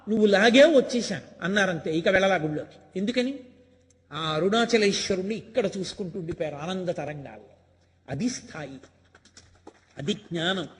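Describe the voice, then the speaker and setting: An older man gives a spiritual discourse in a high, ringing voice. He tells stories and drives his points home with emphatic rhetorical questions. His voice carries a long reverb from the hall around him. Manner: storytelling, emphatic and rhetorical, acting out quoted lines. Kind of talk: Telugu religious discourse.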